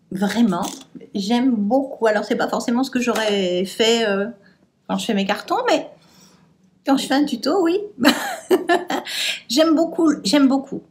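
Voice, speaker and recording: Slow, hesitant French woman vlogger. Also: a little high. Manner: slow, hesitant, trailing off with fillers while applying makeup. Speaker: beauty vlogger. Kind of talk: casual makeup tutorial chat.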